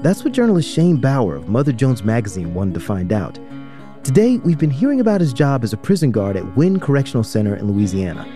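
A man's voice: medium pitch, wildly swooping pitch, brisk, dark tone, faint music behind. A man hosting an investigative radio program, reading scripted documentary narration.

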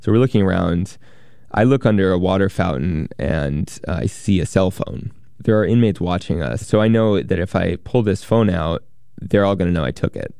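A man telling a first-person documentary story as a journalist, measured and plain-spoken, with deliberate pauses. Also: low voice, gravelly, mellow, clear, resonant tone, dry recording, studio quality. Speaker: journalist who worked as a prison guard.

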